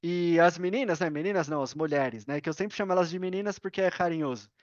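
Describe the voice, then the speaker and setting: Speaking quickly in a slightly high voice, this Brazilian podcast guest animatedly retells personal anecdotes in informal slang, voicing the dialogue himself. He's indoors at a computer on a video call, and the dry, somewhat dull call audio has no echo.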